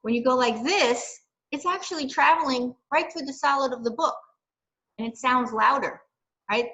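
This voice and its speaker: An older woman with a bright, fairly high voice, leading a children's science lesson. She explains each step gently and checks in with "okay" and "right." She also reads aloud from a storybook. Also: moderate pace, rough recording. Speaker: library science program leader.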